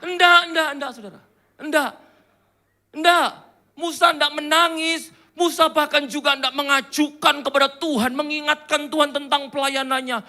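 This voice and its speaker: Man, pastor, very high voice, bright, joking sermon in church. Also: moderate pace. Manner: joking, animated preaching with asides to the congregation.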